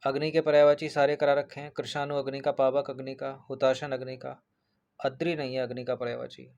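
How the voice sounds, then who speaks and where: Brief: male exam coach, monotone delivery, walks through answers item by item and repeats them. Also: medium pitch, brisk, highs cut off. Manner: explains point by point, repeats answers, checks in with 'ठीक है'. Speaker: exam prep teacher. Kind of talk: exam paper walkthrough.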